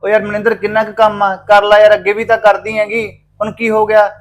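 A man plays an impatient husband who talks fast in a fairly high voice with a Punjabi accent. He argues and tries to smooth things over. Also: completely flat delivery, muffled recording, lightly acted. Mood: arguing. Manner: impatient, arguing. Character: husband arguing with his wife over tea and chores.

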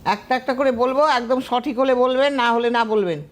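A woman's voice: on the high side, normal speed. A woman astrologer, giving firm, emphatic predictions to callers on a TV call-in show.

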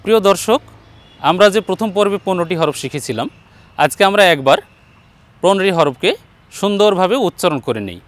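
A man teaching a Quran reading lesson, patiently guiding viewers and drawing out each letter sound for them to repeat. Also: fairly high pitch. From Bangladesh. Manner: patient, addresses viewers directly, drawn-out letter sounds for repetition. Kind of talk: step-by-step pronunciation lesson.

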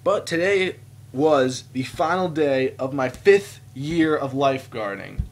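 A young man vlogging in a casual, animated way, swearing freely and breaking into loud exclamations. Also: medium pitch, a little slow. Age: young adult. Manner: animated storyteller, swears, jumps to loud quoted outbursts. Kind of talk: casual vlog storytelling. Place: indoors at home, seated. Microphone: phone camera.

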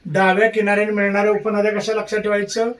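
A man's voice: high-pitched, little pitch movement, fast, recorded from a distance. A man teaching an exam-prep lesson, repeating key points and drilling memory tricks.

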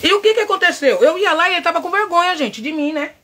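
A middle-aged Brazilian woman chatting loudly and outspokenly with her viewers, telling a story while she works. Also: very high-pitched, animated, fast. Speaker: vlogger. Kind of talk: casual chat while painting a wig.

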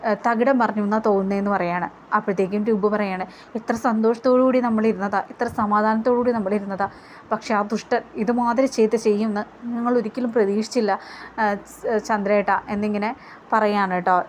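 A woman's voice: medium pitch, a little hiss or hum. A woman casually recapping a TV serial episode in a chatty retelling style, quoting each character in her own voice. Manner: chatty retelling, often adds "kettoo" tags and quotes characters in her own voice.

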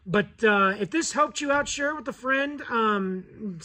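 An American goose-calling instructor in his thirties, from Colorado, gives a casual spoken tutorial on hunting calls from a cluttered garage or workshop. His voice is very high-pitched, pushed and bright, at a measured pace.

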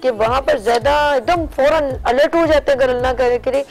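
A woman's voice: high-pitched, normal speed, vocal fry, faint music behind. A woman hosting a morning talk show, speaking earnestly and at length in a casual studio discussion. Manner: earnest, lecturing, talks at length.

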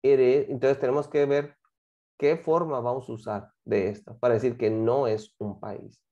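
A woman's voice: very deep voice, fairly even intonation, normal speed, dark tone, highs cut off. A woman, teaching English and explaining homework to a class, patient and often checking that students follow. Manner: patient, checks understanding with frequent questions.

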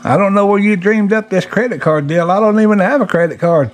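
High-pitched, folksy man joking on calls. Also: fairly quick. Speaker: prankster taking telemarketer calls. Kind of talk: casual joking phone chat. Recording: faint background noise.

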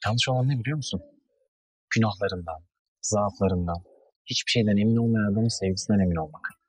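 An actor playing a serious man who speaks calmly and in measured tones about trust and love, in a TV drama. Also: fairly low pitch, breathy edge. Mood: grave. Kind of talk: TV drama acting.

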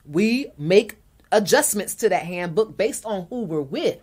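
A woman co-hosting a podcast who lays out her view in a measured, step-by-step way in casual chat. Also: mid-range voice, expressive, a little mellow, husky. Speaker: podcast co-host.

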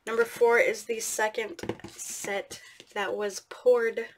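Slow-paced woman hosting a casual giveaway. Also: fairly high pitch, level tone, slight background noise. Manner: chatty, informal, addressing viewers directly as "you guys". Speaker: host of an art channel giveaway. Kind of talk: casual giveaway announcement to viewers. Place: indoors at a craft table, overhead camera.

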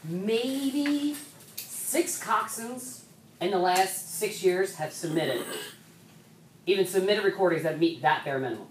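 A woman's voice: medium pitch, expressive. A woman speaking as a rowing coach, giving an instructional talk for coxswains in a conversational way, often restarting her sentences. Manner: conversational, many restarts and "so"s, brisk stretches. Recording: echoey room, mic at a distance, faint background noise.

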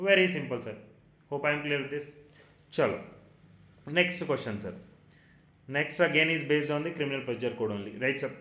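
Bright-voiced man tutoring, echoey room. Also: mid-range voice, expressive, slow, pauses often. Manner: calls listeners "sir" constantly, asks and answers his own questions. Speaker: law exam tutor. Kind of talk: classroom lecture.

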